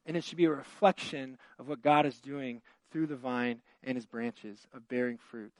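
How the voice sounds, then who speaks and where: A man's voice: mid-range voice, fairly even intonation, moderate pace, no room sound. A man, a pastor preaching a conversational sermon, full of fillers and restarts, building to fervent emphasis. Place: church.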